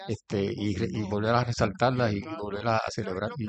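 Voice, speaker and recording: Brief: man, low voice, halting speech, crowd chatter behind him. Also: steady tone. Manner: halting, with filler sounds.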